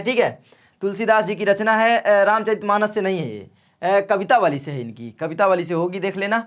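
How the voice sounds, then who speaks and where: Man, young, high voice, sore throat, friendly exam coaching, direct. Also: fairly bright tone. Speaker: exam-prep teacher. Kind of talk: casual exam coaching lesson.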